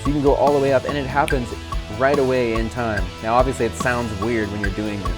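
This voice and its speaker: A man's voice: mid-range voice, fast. Casual man demoing an app over music. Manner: relaxed, chatty, with fillers. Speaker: worship leader presenting an app. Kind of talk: casual software demo. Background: backing tracks playing.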